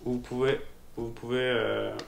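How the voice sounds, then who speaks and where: Slow, gravelly man teaching a lesson. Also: medium pitch, little pitch movement. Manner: slow, hesitant, repeats words and keeps checking with "ok?". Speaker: Moroccan Arabic teacher. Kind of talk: casual spoken lesson. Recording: echoey room with faint noise.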